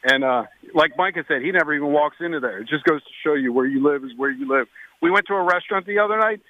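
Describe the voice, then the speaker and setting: A man from Baltimore co-hosting a sports betting radio show, calling in from a restaurant and telling stories in a talkative, energetic way. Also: a little high, quick pace, no room sound. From Baltimore, Maryland. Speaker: co-host. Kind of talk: casual radio chat. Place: Mexican restaurant, phone call. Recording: tinny phone line.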